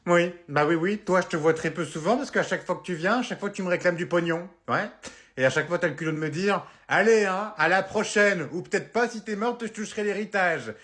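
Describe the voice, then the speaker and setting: A man's voice: on the high side, fast talker, fairly bright tone, close to an everyday voice. A man voicing a spiteful, foul-mouthed old grandmother who scolds and insults her family in a comedy sketch.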